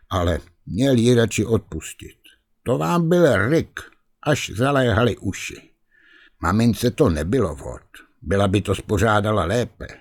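A man reading a fairy tale aloud in a lively, expressive way. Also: on the low side. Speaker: storyteller.

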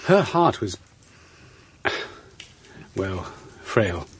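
An actor playing an anxious young doctor in a radio drama, speaking in a hushed, careful way. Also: male voice, low voice, big pitch swings, very slow, husky, exaggerated voice.

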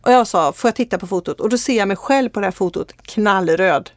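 A woman's voice: mid-range voice, dry recording. Earnest Swedish-speaking woman, dry sound. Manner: earnest storytelling with frequent fillers. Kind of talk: casual testimony in conversation.

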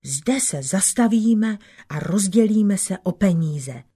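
A bossy robber chief from an old folk tale, voiced by a woman reading aloud, who calls out orders and exclamations loudly. The voice stays near a plain storytelling tone, only pushed louder. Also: mid-range voice, lively intonation, slightly rough. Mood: commanding.

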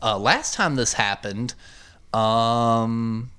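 A man chatting casually and telling stories in a rambling, animated way with plenty of swearing. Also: mid-range voice, extremely slow, clear, resonant tone. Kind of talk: casual chat, storytelling.

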